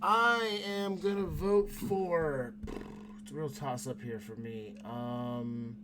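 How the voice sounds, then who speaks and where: A man's voice: a little high, slow pace. A man chatting casually as a player in a tabletop game. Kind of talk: casual chat. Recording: noisy room ambience.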